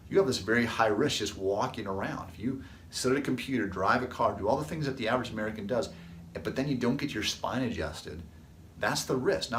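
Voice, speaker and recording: A man's voice: on the low side, reverberant, slight background noise. Chiropractor man telling folksy stories. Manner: folksy, rambling anecdotes with restarts. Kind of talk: casual storytelling to camera.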